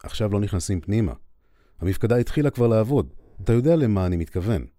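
A man's voice: lowish voice, animated, mellow, no echo, studio quality, lightly acted. A man voicing a cocky male air force officer who teases an old friend. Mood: teasing. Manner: teasing, self-assured.

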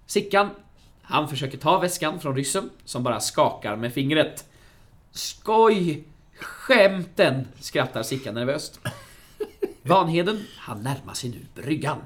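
A man with a lively, swooping voice retells a film scene for his co-host, jumping up loudly whenever he calls out a character's line. His pitch sits in the middle range and moves a lot. It is casual podcast chat.

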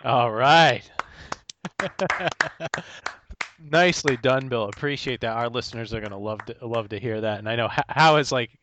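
A man hosting a podcast in casual conversation, halting and repeating words as he goes. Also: mid-range voice, very noisy. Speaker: podcast host. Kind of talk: casual interview chat.

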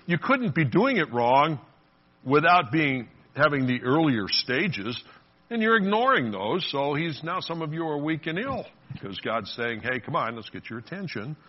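Husky, lively-voiced male preacher. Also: medium pitch, highs cut off. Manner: conversational preaching with laughs and playful voices. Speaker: pastor. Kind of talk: sermon.

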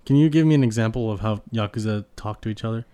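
A woman hosting a casual podcast, relaxed and laughing often as she asks her guest many questions. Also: extremely low pitch, quick pace. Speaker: podcast host.

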